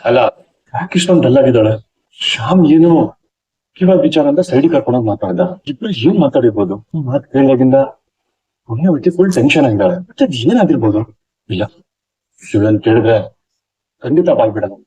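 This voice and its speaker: A young actor playing a blunt, teasing husband who pries and mocks in a TV serial. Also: male voice, medium pitch, animated, fairly quick, pauses often, mellow, natural voice. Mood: curious. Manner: blunt, teasing, mock-serious. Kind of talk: TV serial acting. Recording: dull lo-fi TV audio.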